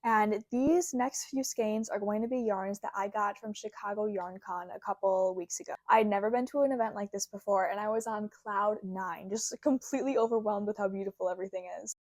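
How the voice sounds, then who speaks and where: This young woman's medium-pitched voice moves briskly with hardly any pauses, bubbly and rambling and full of "like," as she vlogs casually about crochet. A recent cold and sore throat have left her a little worn. Recorded on a small clip-on mic, the tone is darkish with no echo.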